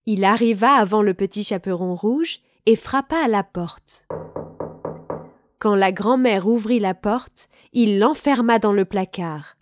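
Calm woman reading a storybook. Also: mid-range voice, unhurried, dry recording, clean studio sound.

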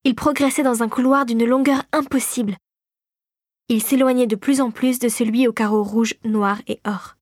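A woman calmly narrating a storybook in a measured reading voice. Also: fairly high pitch, dry recording, clean studio sound.

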